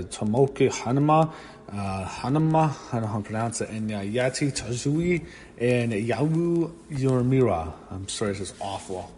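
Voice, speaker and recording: A man giving a casual solo review of a wrestling show, rambling and excitable, swearing when annoyed. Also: mid-range voice. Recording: long room reverb with faint background noise.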